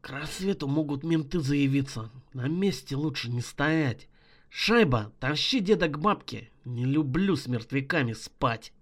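A man playing a terse convict with a nasal twang who grumbles orders in a low mutter. He sounds dour and clipped, a storybook tough who runs the group. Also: lively intonation, slow pace, few pauses, heavily acted. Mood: grumbling. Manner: gruff, mutters short orders. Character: gloomy nasal male convict, terse leader.

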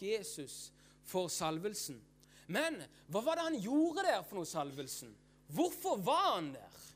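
Fervent high-voiced male preacher. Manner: fervent, emphatic, repeats phrases, frequent hallelujahs; casual spoken fillers, asks and answers own questions. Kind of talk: sermon.

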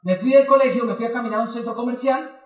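High-voiced man telling stories in a hall. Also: fast. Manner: animated, acts out both sides of dialogues. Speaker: motivational speaker. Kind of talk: storytelling talk to an audience. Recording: echoey hall, distant, dull sound.

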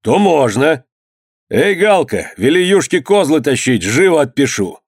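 A man doing a gruff, mocking merchant lord. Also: fairly high pitch, big pitch swings, measured pace, dry recording, clean studio sound, pitched above the performer's own voice, full character voice. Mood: angry. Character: hot-tempered grown merchant lord, bold and mocking.

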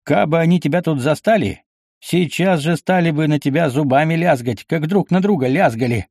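A man's voice: on the high side, normal speed, darkish tone, no room sound, clean studio sound, pitched above the performer's own voice. A man voicing a jovial, tipsy older nobleman who teases and grows sentimental, in an audiobook reading. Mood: teasing. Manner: boisterous, teasing, sentimental when drunk.

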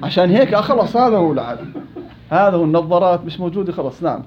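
A high-pitched man runs a quick-fire recitation lesson, calling on students by name and teasing them along. The recording is dull and lo-fi. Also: lively intonation, slight background noise. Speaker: Quran recitation teacher. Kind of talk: interactive classroom lesson.

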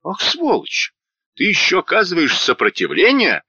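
A man's voice: mid-range voice, big pitch swings, unhurried, pushed and bright, no echo, muffled recording, exaggerated voice. A man voicing a coarse, brutal male Red Army squad leader who barks orders and mocks his captive. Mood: sneering. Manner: barking, menacing, mocking.

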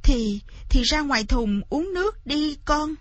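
A woman's voice: expressive, measured pace, a little hiss or hum. A woman storyteller voicing a poor, anxious mother who pleads and cries out in a raised voice. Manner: pleading, crying out high.

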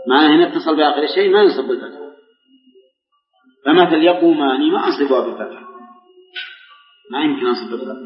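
An older man teaching grammar to a class, quizzing students and slowly repeating examples. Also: a little high. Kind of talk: classroom lesson with questions to students. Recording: echoey hall, dull lo-fi recording.

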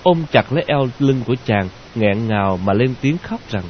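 A man narrating a novel in a slow, measured way. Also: mid-range voice, animated. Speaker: audiobook narrator. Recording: dull lo-fi audio with hiss.

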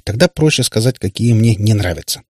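A lanky, bookish schoolboy answers politely and pedantically, a little flustered, as a man reading the book puts him on. The voice sits just above the narrator's low register and stays husky. It is recorded close and dry. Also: animated, a little fast, warm tone, no room sound. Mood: earnest. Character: lanky, earnest, nerdy schoolboy. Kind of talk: audiobook reading.

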